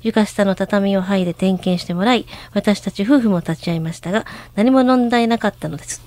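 A woman's voice: mid-range voice, brisk, a little mellow. A woman co-hosting a radio show, reading a listener's letter aloud.

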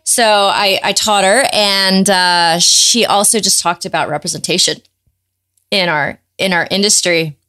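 A middle-aged woman hosting a podcast in loose, excitable casual chat, quick to laugh. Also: mid-range voice. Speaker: podcast host.

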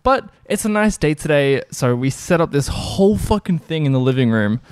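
Young male podcast co-host, rambling and laughing, dry close sound, lively pitch. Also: normal speed, smooth, no room sound. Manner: rambling, laughing often, swearing casually. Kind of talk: casual chat. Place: living room.

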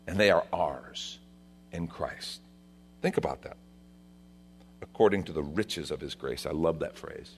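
Pastor preaching at a pulpit microphone. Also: male voice, measured pace, long pauses, a little hiss or hum. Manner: conversational preaching, rising with emphasis then dropping low. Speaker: senior pastor. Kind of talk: sermon.

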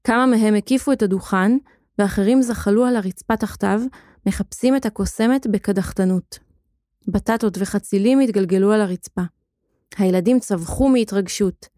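Lady reading a kids story out loud, expressive, dry close mic. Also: mid-range voice, no echo. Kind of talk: scripted narration of a children's story.

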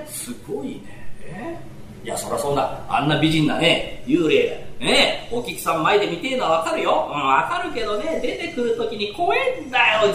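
A rakugo storyteller playing nosy, excitable townsmen who banter in rough, slangy street talk. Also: male voice, sits high, heavily acted. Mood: chatty. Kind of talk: rakugo character dialogue. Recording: echoey hall, distant mic, faint noise.

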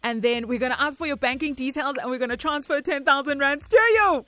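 A woman's voice: high voice, fairly quick, bright, forceful tone, no room sound. A woman hosting a radio phone-in with a South African accent, gushing and effusive as she hands out prize money. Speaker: radio host. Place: radio studio.

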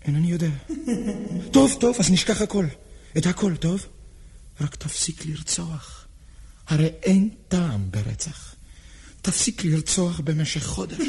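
A man's voice: fairly high pitch, darkish tone, husky. An actor playing an anxious, earnest man who pleads and rambles with nervous laughs in a stage drama. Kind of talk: theatrical drama acting.

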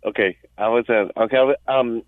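A male caller from Texas on a phone line that keeps cutting out, halting and asking again and again whether he can be heard. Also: medium pitch, steady tone, no room sound. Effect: phone line breaking up, cutting out. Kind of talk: call-in radio chat. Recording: tinny dry phone line.

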